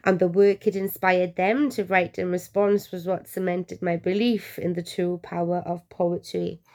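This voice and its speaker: A woman's voice: fairly low pitch, little pitch movement, normal speed, darkish tone. A woman poet reading a scripted, heartfelt introduction for a podcast. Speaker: podcast guest presenter, poet. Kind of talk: scripted narration.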